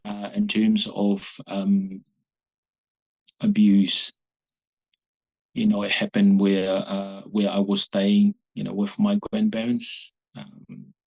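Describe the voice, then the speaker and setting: A man in his forties from Samoa, speaking haltingly as a guest in an interview. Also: on the low side, monotone, creaky, a little mellow, slightly rough, muffled recording. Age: 40s. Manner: halting, searching for words. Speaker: guest, abuse survivor. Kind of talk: personal interview.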